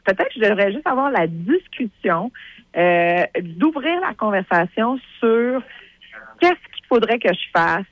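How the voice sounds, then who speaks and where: Une femme à l'accent québécois, invitée d'une émission de radio, raconte son histoire avec animation et imite les répliques. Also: female voice, medium pitch, measured pace, dull audio. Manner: animated storyteller who acts out quotes. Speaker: guest, creator of a TV series. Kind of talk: radio interview.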